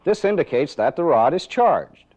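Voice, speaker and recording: Dull, band-limited 1980s audio captures a male training film instructor explaining methodically, step by step, during a live demonstration, with rhetorical questions mixed in. His voice is on the high side, very animated and a little mellow, at normal speed.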